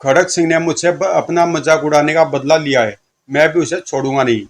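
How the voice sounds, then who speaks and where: A man's voice: on the high side, fairly even intonation, brisk. A man doing a giggly mischievous constable. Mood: scheming. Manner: sniggering, teasing, cheeky.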